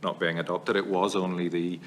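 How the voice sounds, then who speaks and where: Testifying formally as a witness before a parliamentary committee, a man sets out long arguments in a measured, analytical way. His voice is low and level, and there is a little hiss or hum in the recording.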